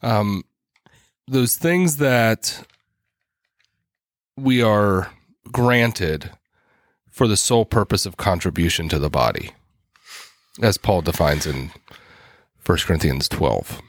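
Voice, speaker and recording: A man co-hosting a casual church podcast, explaining ideas and citing scripture between quick laughs. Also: deep voice, no room sound, studio quality. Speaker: podcast co-host. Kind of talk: casual chat about church.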